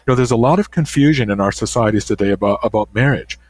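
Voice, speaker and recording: An older man with a voice on the low side, no room sound audible, answers questions as a guest author. His replies are considered and faltering, full of restarts.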